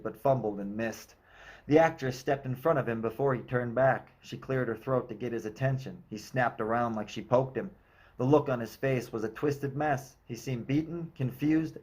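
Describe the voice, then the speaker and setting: A man reading his own novel aloud in a steady, measured narration, in short clipped sentences. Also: medium pitch. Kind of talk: audiobook-style narration.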